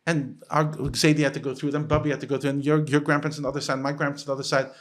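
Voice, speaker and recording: A man from the United States, a rabbi, talking casually as a podcast guest, restarting and repeating words as he goes. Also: very fast. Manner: animated, lifts his pitch sharply when quoting others.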